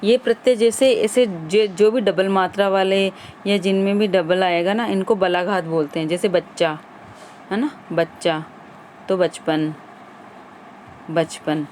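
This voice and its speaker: A woman's voice: medium pitch, fairly even intonation, a little slow, darkish tone, slight background noise. A woman teacher running an exam-prep grammar lesson, quizzing viewers and repeating the answers.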